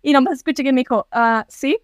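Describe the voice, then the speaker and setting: Mexican woman in her twenties, high-pitched and crisp, animated storyteller; casual podcast chat. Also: fairly quick, no echo. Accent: Mexican Spanish. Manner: animated storyteller, slangy and swearing. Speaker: podcast co-host.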